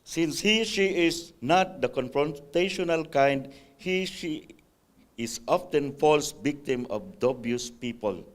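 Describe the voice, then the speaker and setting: A man's voice: on the high side, expressive, slow. A man speaking at a church class, reading from a text and breaking off with casual comments and "right?" checks to the group. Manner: reads a text aloud, adding spontaneous comments and checks like "right?"; occasional hesitations and restarts. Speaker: Sabbath school speaker.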